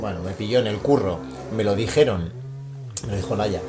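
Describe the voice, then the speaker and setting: A man's voice: fairly low pitch, fairly quick. A man in his forties with an accent from Spain, chatting as a podcast guest, emphatic and swearing freely. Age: 40s. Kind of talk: casual music chat.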